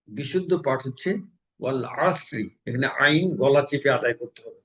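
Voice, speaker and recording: A man from Bangladesh teaching Quran recitation, explaining pronunciation rules and slowly chanting example verses. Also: mid-range voice, poor audio. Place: mosque.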